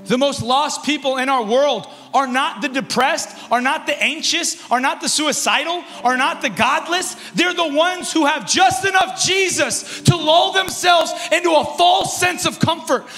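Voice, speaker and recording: At a youth conference, a young preacher speaks at a normal pace with hardly any pauses, pacing and gesturing across a large stage with a handheld mic. His energetic sermon mixes shouted emphasis and soft, low asides, echoing through a concert hall with faint music.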